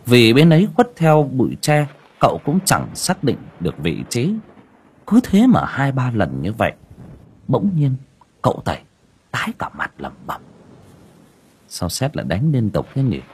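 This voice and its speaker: A male audiobook narrator telling a folk tale expressively. His voice is husky, and his pitch rises and falls over a very wide range. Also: normal speed. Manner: expressive storytelling.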